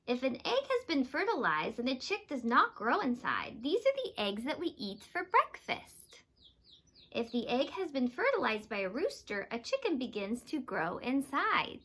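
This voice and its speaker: A teacher with a high, slightly bright voice reads aloud to young children, explaining things simply and asking them questions.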